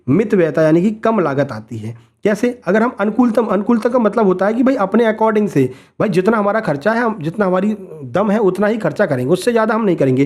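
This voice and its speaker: A man teaching an exam-prep lesson who explains each multiple-choice answer. He asks rhetorical questions and keeps checking in with "right?". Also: high voice. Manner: rhetorical questions, frequent "है ना?" tag; motivational asides to students.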